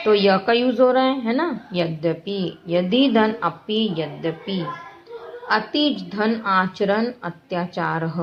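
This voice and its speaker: A woman's voice: mid-range voice, slight background noise. A woman teacher explaining grammar to children, repeating each example patiently and often checking that her pupils follow. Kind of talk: classroom grammar lesson. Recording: dull lo-fi recording.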